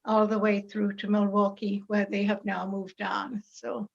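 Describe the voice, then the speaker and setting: An older woman with a Jamaican accent, calmly and reflectively recalling her upbringing as an interview guest. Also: mid-range voice, unhurried, vocal fry, muffled recording. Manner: calm, reflective storytelling. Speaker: parishioner guest. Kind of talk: casual interview.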